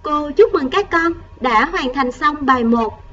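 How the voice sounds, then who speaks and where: A woman primary school teacher giving a recorded math lesson to first graders, counting patiently and gently coaxing the children along. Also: high voice, animated, measured pace, far from the mic, lo-fi sound, a little hiss or hum.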